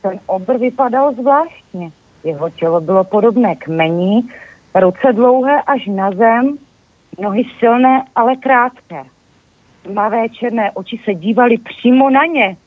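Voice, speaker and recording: A guest storyteller reading a children's fairy tale aloud with lively, animated delivery. The voice comes through a thin, tinny phone line and sounds dry and close. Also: medium pitch, no room sound.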